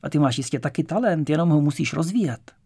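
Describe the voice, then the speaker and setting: A man reading an audiobook, voicing a brash, loud and teasing male poet character. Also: fairly high pitch, expressive, husky, no echo, clean studio sound. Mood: boisterous.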